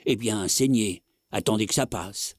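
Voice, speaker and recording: A man's voice: fairly low pitch, a little slow, dry recording, clean studio sound. A man voicing a hot-headed young man who speaks curtly and through his teeth. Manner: curt, hissing.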